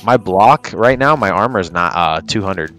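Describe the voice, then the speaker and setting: A man's voice: low voice, animated, moderate pace, fairly bright tone. A man chatting casually over gameplay with a friend like a hyped gamer bro, slangy and sweary. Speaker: gaming streamer.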